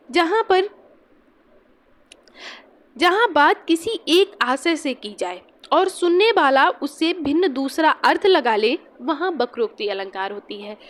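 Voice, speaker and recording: A woman's voice: sits high, fairly bright tone. A young woman teaching a Hindi exam-prep lesson, patiently repeating key points and examples.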